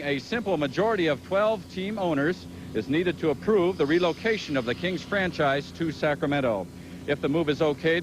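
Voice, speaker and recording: Male news reporter live outdoors. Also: fairly high pitch. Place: live on location, outdoors at an arena. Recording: outdoor traffic and ambient noise.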